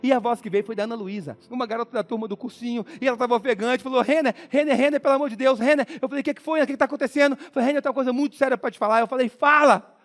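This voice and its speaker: A young Brazilian man with a Brazilian Portuguese accent, giving a motivational speech and acting out his own story, swinging from hushed to shouting. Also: extremely high pitch, fairly even intonation, very fast. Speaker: motivational speaker.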